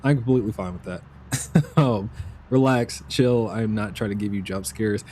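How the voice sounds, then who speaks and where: A man giving relaxed, chatty live commentary while streaming a survival game, laughing often. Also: on the low side, normal speed, slight background noise.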